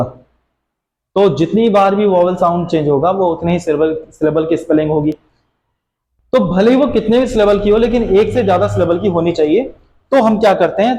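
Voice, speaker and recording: A man's voice: high voice, a little mellow, reverberant, a little hiss or hum, rough recording. A man teaching an English grammar lesson to students, explaining patiently and answering his own questions.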